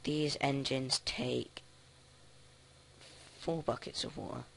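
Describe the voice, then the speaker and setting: A man casually commenting on his own gameplay, thinking aloud with many halting restarts. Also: mid-range voice, fairly even intonation, vocal fry, fairly bright tone, a little hiss or hum. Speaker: let's play host.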